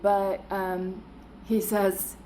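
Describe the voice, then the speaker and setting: A woman telling a bad date story to camera, candid and self-aware, quick with asides and acting out both sides of the talk. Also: medium pitch, level tone, dark tone, a little hiss or hum. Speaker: vlogger.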